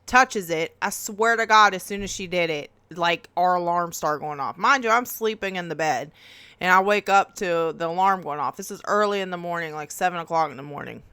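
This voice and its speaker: A woman hosting a reaction video, telling a story in casual chat, animated and swearing, jumping up high when she acts out quotes. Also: brisk, clear, resonant tone, no room sound.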